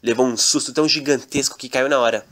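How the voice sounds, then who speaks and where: A man's voice: medium pitch, fairly even intonation, quick pace, noisy background. A man narrating a goofy parody story in a mid-range voice, with mock-dramatic gravity. He piles on repetition and overblown wording for laughs. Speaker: comic storyteller. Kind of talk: absurd comic narration.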